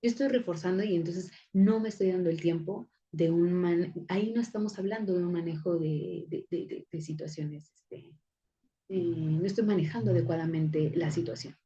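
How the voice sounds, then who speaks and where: A woman's voice: lowish voice, moderate pace, dark tone. A woman giving a psychology class lecture in a conversational way, with frequent fillers and restarts. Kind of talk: recorded class lecture with anecdotes. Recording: dull lo-fi recording.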